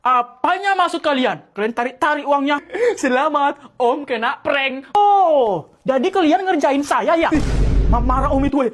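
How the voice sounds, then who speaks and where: A woman's voice: high voice, lively intonation, normal speed, background noise. Fields: A woman acting out comic skits, playfully switching between kids and mothers, often laughing. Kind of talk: comic skit acting many roles.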